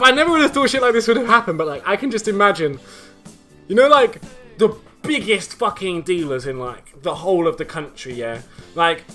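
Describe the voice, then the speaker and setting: A young man telling a story casually, animated, laughing often, with heavy slang and swearing. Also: high voice. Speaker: vlogger.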